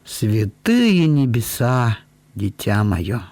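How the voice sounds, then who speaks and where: A man reading aloud, voicing a kindly, lonely elderly lady who speaks slowly and deliberately. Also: mid-range voice, big pitch swings, darkish tone, dry recording, voice pushed down. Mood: tender, shaken. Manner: slow, deliberate, drawn-out speech.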